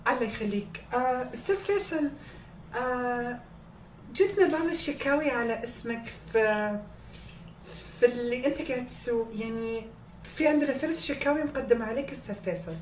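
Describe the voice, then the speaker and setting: A man's voice: very high-pitched, brisk, pitched above the performer's own voice. A man putting on a woman's voice as a female doctor in a prank phone call. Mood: official. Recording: echoey, noisy, distant phone prank recording.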